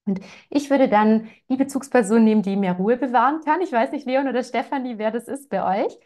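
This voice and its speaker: A woman's voice: a little high, a little fast, darkish tone. A woman working as a parenting coach, answering parents' questions in a direct, reassuring way and speaking to them by name.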